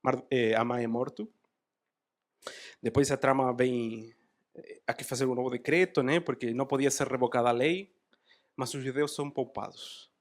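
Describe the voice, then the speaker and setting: A man preaching a sermon in a church, retelling a Bible story with animated asides. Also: mid-range voice, normal speed, pauses often.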